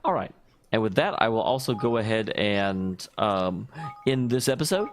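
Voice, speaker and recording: A man's voice: on the low side, lively intonation, normal speed. A man hosting a let's play, giving casual, rambling gaming commentary with speculative and self-deprecating asides. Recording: faint game music behind.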